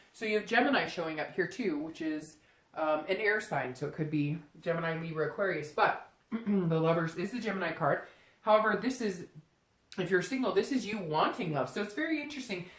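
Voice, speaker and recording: Speaking briskly and animatedly in a fairly low voice, a tarot reader gives an off-the-cuff, conversational reading directly to the listener. She frequently drops into imagined first-person quotes. The recording echoes with a roomy feel.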